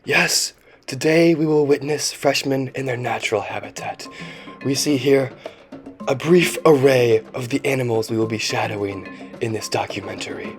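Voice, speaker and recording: A man's voice: medium pitch, moderate pace. A young man co-narrating a parody nature documentary in a grandiose, mock-serious manner. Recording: music playing underneath.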